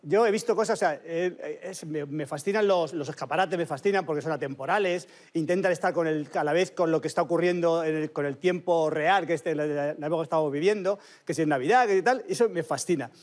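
A man telling comic anecdotes on a panel show, excitable and stumbling over his words. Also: fairly high pitch, quick pace, few pauses. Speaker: comedy panel guest. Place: TV studio panel.

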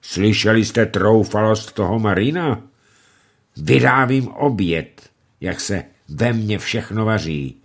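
A man's voice: on the low side, expressive. A man voicing a furious, blustering nobleman lord who bellows threats. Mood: raging.

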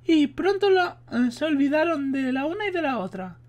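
A man from Spain reading aloud and putting on a high falsetto for a sorceress woman who tells history, stumbling now and then over the words. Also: very animated, moderate pace. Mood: storytelling. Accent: Spain Spanish. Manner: reads with stumbles and restarts. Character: poised adult sorceress woman telling history.

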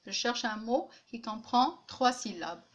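Woman, French teacher: unhurried, repeats words syllable by syllable, hesitant restarts. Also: a little high, lively intonation, highs cut off. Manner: repeats each word slowly, clapping out syllables. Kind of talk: slow classroom lesson.

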